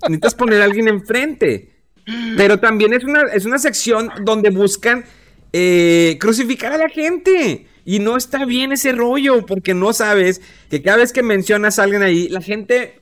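A man's voice: high voice, expressive, normal speed, fairly bright tone. A man with a Mexican accent, talking casually and animatedly with slang, mocking other people in put-on voices. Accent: Mexican Spanish. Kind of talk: casual opinion chat.

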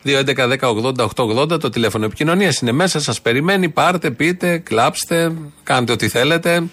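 A man hosts a satirical radio program with a dry, sardonic edge. His voice sits at an ordinary middle pitch as he jokes between segments. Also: fairly bright tone. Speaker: radio show host.

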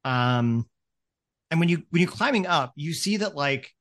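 A man's voice: on the high side, animated, a little slow, a bit bright. A man running a tabletop game as game master, narrating in a rambling way, full of "like" and "um". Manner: rambling, many "like" and "um" fillers.

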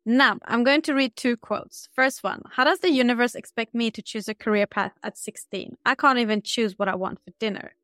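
A woman's voice: a little high, normal speed, few pauses, fairly bright tone, dry recording, clean studio sound. A woman hosting an interview, reading out scripted questions in an upbeat, structured way. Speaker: interview host.

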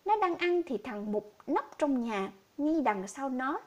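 A woman's voice: high voice, big pitch swings, slow, exaggerated voice. A woman voicing a poor, grieving old village man who speaks sorrowfully and pleadingly.

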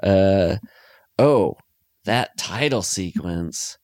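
Podcast co-host, male, low voice, dry close sound, jokey and rambling. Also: lively intonation, drawn-out words, a little mellow, dry recording. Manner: jokey, rambling, trailing off into fillers. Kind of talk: casual film discussion.

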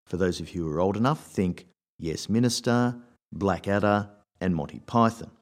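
A man gives workplace advice in a wry, conversational storytelling manner. His voice sits a little low. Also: moderate pace. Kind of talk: scripted advice talk with anecdotes.

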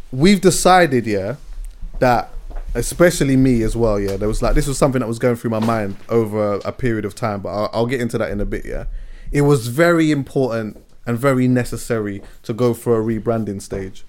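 This podcast host is a man with a London English accent who chats casually in slang, often tacking "yeah" and "you know" onto his phrases. His voice sits in the mid range with a darkish tone, and his manner is conversational.

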